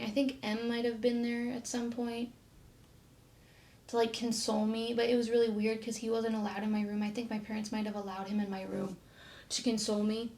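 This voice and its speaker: A young woman in her twenties, telling her own story to camera in a soft, halting way, often trailing off quietly. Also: on the high side, vocal fry.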